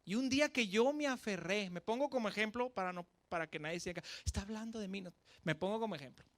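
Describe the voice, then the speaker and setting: A man from Mexico with a Mexican accent, preaching a sermon as pastor with lively shifts between loud and soft. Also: high-pitched, fast.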